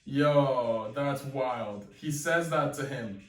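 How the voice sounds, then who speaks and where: A young man reacting live to a webcomic chapter as he reads it, excitedly narrating and exclaiming "yo" often. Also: medium pitch, slow. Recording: echoey room, mic at a distance, faint music.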